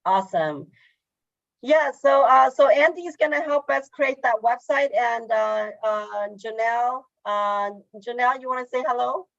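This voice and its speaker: A woman hosting an online meeting in casual talk, halting and full of fillers. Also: fairly high pitch, a bit bright, no echo. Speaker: meeting host. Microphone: video call. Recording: dull lo-fi call audio.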